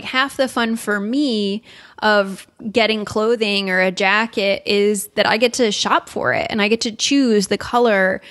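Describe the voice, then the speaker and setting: A woman's voice: medium pitch, a bit bright, no room sound, clean studio sound. A young woman co-hosting a podcast, talking casually and giving earnest advice. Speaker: podcast co-host. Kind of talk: casual chat.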